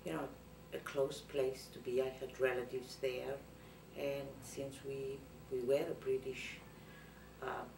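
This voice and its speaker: An older woman from Cyprus, answering interview questions hesitantly with many pauses. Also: extremely low pitch, flat delivery, vocal fry. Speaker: interviewee, student's mother. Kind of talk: recorded interview. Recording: roomy, distant, noisy.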